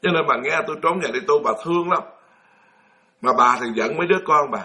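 A man's voice: on the high side, fast talker, sharp tone. A man with a Southern Vietnamese accent, a Buddhist monk telling a folksy story in a dharma talk and putting questions to his audience. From Mekong Delta, Vietnam.

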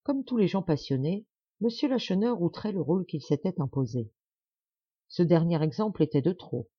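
Expressive woman reading a classic novel. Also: lowish voice, moderate pace, slightly rough, no room sound, dull audio. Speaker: audiobook reader. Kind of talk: scripted narration.

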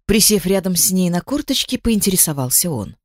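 A woman narrating a first-person novel in an expressive, dramatic reading voice. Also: lowish voice, brisk, no echo, clean studio sound. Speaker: audiobook narrator.

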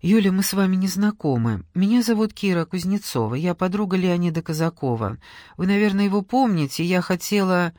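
A man's voice: high voice, animated, brisk, no room sound, studio quality. A man voicing a grieving young woman who speaks hesitantly and pleads politely on the phone. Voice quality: soft, hesitant.

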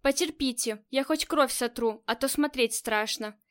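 A woman's voice: high voice, unhurried, a bit bright. A woman voicing a polite but insistent male bodyguard in an audiobook. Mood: firm. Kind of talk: audiobook character reading.

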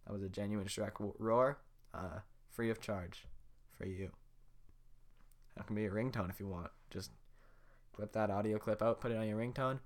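A man's voice: on the low side, normal speed, long pauses. A man hosting a podcast, reading a script aloud in a casual, joking way with offhand asides. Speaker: podcast host.

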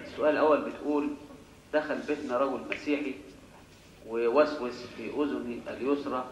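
A man reading out worshippers' written questions at a mosque lecture, in an even, steady reading manner. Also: medium pitch, reverberant, muffled recording, a little hiss or hum. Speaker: reader of submitted questions. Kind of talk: reading letters aloud.

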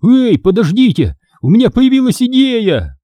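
A man reading aloud, voicing a frightened boy hero who shouts urgent pleas. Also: high voice, very animated, normal speed, no echo, pitched above the performer's own voice.

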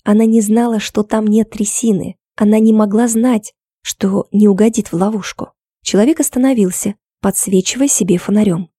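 A woman narrating an audiobook in a steady, tense storytelling manner. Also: medium pitch, normal speed, breathy edge, no room sound, studio quality. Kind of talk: scripted narration.

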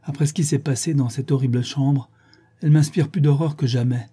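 A man's voice: medium pitch, fairly even intonation, a little fast, mellow, breathy edge, voice pushed up. A man reading the lines of a frightened, tender young Englishwoman in an audiobook, pleading and trembling. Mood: fearful.

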